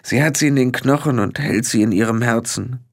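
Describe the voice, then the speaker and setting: Ein Mann als polternder kleiner Clanchef. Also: male voice, medium pitch, a little fast, creaky, dry recording, clean studio sound, voice pushed up. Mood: brooding. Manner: grumbling and blustering. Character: gruff, brooding little fairy-clan chief man.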